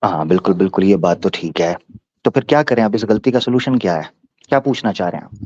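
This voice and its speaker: A man hosting a debate, teasing and pressing his questioner, then slowing down to explain point by point. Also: lowish voice, animated, darkish tone, dry recording. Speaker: debate host answering a questioner. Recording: dull dry lo-fi sound.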